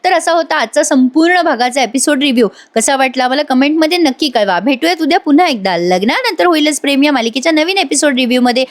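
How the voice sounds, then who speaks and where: Woman reviewer, chatty voice-over recap, fairly high voice. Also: animated, fast talker, few pauses. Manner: chatty, addresses viewers often. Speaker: TV serial reviewer.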